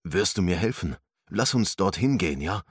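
A man's voice: sits low, animated, moderate pace, husky, no room sound, clean studio sound. A man voicing an earnest young man who speaks persuasively. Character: young man, determined treasure seeker.

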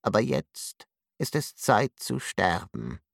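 Guy reading as a solemn priest in an audiobook, gravelly and slow. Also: lowish voice, sing-song, fairly bright tone, no room sound, clean studio sound, full character voice. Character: calm male priest, keeper of secret knowledge. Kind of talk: audiobook narration.

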